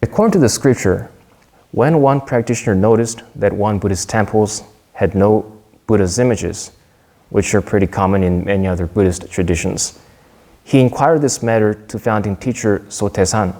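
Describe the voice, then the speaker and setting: A young man from Korea, whose voice is lowish and warm, gives a prepared Dharma talk. He speaks in a measured, heartfelt manner, making a few small restarts along the way.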